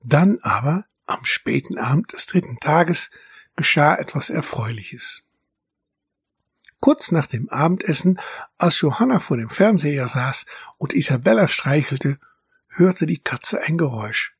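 A man reading a children's story aloud as a narrator, calm and measured. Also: on the high side, slightly rough, no room sound, studio quality.

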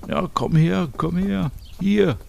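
A man voicing a kind, quirky young man in a calm, easygoing manner. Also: sits high, slow, gravelly, slight background noise, voice pushed up, heavily acted. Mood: friendly. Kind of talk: voicing characters in a narrated story.

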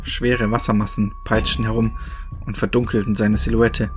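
A man reading a first-person horror story in a measured, steady storytelling voice. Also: fairly low pitch. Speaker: narrator. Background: faint music.

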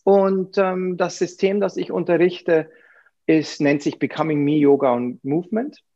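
A man's voice: fairly high pitch, fairly even intonation, unhurried, dark tone. Laughing, self-mocking man with a dull sound. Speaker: podcast guest. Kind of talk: casual interview talk.

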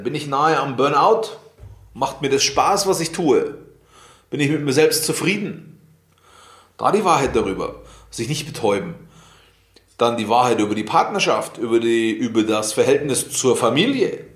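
A man giving a blunt motivational monologue, swearing freely and firing questions at himself and the listener. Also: mid-range voice. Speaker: podcast host. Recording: echoey room.

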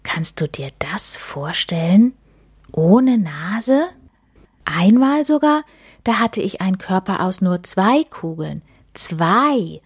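A friendly snow spirit living in a snowman, as a woman reading a storybook voices him. He speaks softly, with a breathy, husky and unhurried delivery and a mysterious edge. The sound is close and dry. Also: mid-range voice, big pitch swings, dry recording, full character voice. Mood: amused. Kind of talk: storybook read-aloud.

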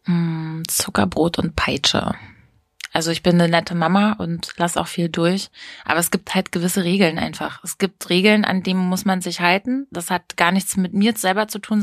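A woman's voice: fairly low pitch, no echo, studio quality. A woman co-hosting a podcast in casual chat, reflective and firm in her opinions. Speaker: podcast co-host.

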